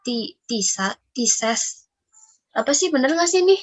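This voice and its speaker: A woman's voice: sits high, animated, unhurried, breathy edge, soft background music. A woman with an Indonesian accent hosting a casual podcast, talking in a chatty, rambling way with lots of fillers. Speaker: podcast host. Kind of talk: casual reaction chat.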